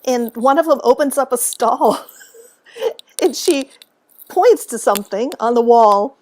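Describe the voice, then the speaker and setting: A woman telling a story to camera in a relaxed, animated way, acting out what people said and laughing along the way. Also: fairly high pitch, slow pace. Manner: animated, acts out quotes, laughs often. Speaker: author and speaker. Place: at home.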